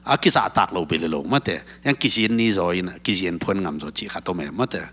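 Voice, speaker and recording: A man in casual talk-show conversation who speaks in a relaxed way and often murmurs agreement. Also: sits low, fast talker, breathy edge.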